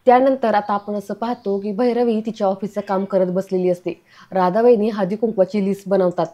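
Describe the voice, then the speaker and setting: Woman, episode recap narration, steady storytelling, flat even pitch. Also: brisk.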